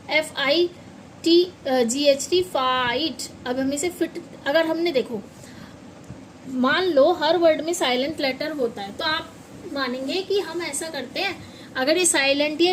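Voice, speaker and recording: A woman's voice: sits high, slight background noise. A woman teaching pronunciation in a classroom-style lesson, patiently spelling out words letter by letter and quizzing her students. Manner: patient, repeats and asks the students questions.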